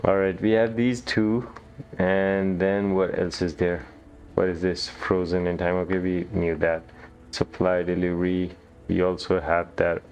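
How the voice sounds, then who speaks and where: A man giving relaxed gameplay commentary, thinking aloud with hesitant restarts. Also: low voice, unhurried, muffled recording. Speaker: gamer.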